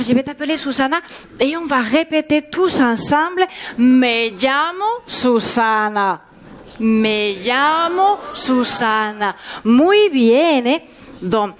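Woman, Spanish accent, high voice; stand-up as an exuberant language teacher on a stage mic. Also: a little hiss or hum. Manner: playing a bubbly Spanish language teacher, mixing Spanish into French. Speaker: stand-up comedian. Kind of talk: stand-up comedy routine. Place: theater stage before a live audience.

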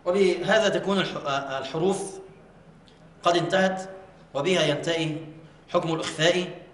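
A man teaching Quran recitation rules, repeating words slowly and drawing them out to show the pronunciation, in a mosque. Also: fairly high pitch, fairly even intonation. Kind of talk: tajweed lesson with demonstrated recitation. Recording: echoey mosque hall.

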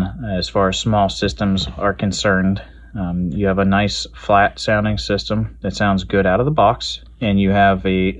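A man in his thirties, a sound engineer, explaining his mix in a relaxed way with many fillers, filmed on a phone indoors. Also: on the low side. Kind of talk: casual explanation. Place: indoor room. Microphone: phone selfie video. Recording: dull lo-fi phone audio.

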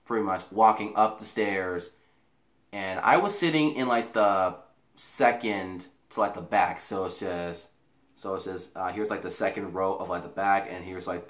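This young adult American speaks in a low, slightly bright voice, telling a loose, profane story to the camera and circling back over the same points. He's indoors in a small bedroom, recorded by a camera mic a few feet off. The room is noticeably echoey.

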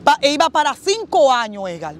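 High-voiced woman pastor giving testimony. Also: big pitch swings, moderate pace, slight background noise. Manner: earnest, repeats the host's name often. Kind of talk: testimony interview.

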